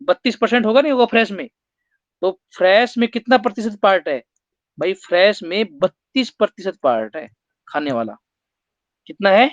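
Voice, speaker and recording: A man's voice: high-pitched, expressive, normal speed, no room sound, highs cut off. A man teaching an exam-prep maths lesson, explaining step by step and putting rhetorical questions to his students.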